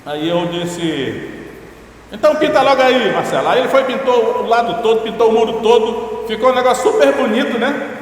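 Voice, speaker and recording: A man's voice: very high-pitched, normal speed. A male pastor from Brazil, telling a personal testimony in a sermon, talking loosely with fillers and repeats. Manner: storytelling with many fillers and repeats. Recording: echoey hall with long reverb, faint noise.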